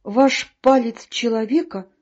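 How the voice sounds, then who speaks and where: A woman's voice: fairly high pitch, a little slow, a little mellow. A woman voicing a timid, polite young female bee who is eager to please. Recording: dull lo-fi recording.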